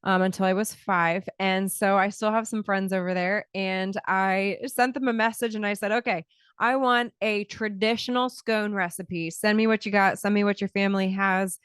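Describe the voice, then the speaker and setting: Recording in a small home studio, a Scottish woman in her thirties, raised there in early childhood, presents a relaxed solo health podcast. She explains things conversationally at a moderate pace, often restarting sentences and using fillers, her smooth, clear, mid-pitched voice caught close on a large studio mic in a dry, dead room.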